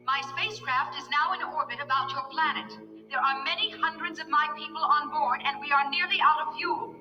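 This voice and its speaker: An actress playing a solemn alien leader in a cartoon, speaking formally and declaratively. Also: female voice, high voice, a little fast, lightly acted. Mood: grave, urgent. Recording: dull old cartoon soundtrack, music behind.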